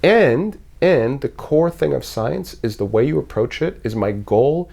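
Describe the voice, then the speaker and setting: A man's voice: mid-range voice, lively intonation, a little slow, vocal fry, dark tone. A man from Canada, a podcast guest, talking in a thoughtful, rambling way with frequent restarts. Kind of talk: casual conversational interview.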